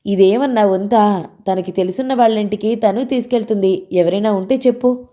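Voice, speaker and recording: A woman's voice: fairly quick, warm tone. A woman narrating a novel aloud and voicing the characters' dialogue. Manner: changes pitch slightly for characters' quoted lines.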